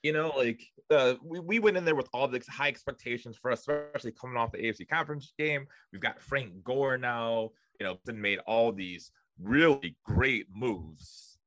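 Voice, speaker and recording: A man's voice: mid-range voice, moderate pace, hardly any pauses, a bit bright, no room sound. A man co-hosting a podcast, joking sarcastically in a casual chat about football.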